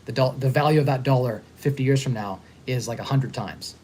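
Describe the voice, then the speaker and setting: A man in his thirties hosting a casual live stream, upbeat and talking in quick bursts with frequent restarts. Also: mid-range voice, a little mellow, slight background noise. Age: 30s. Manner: fast-talking, upbeat, repeats and restarts words. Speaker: host. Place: hotel.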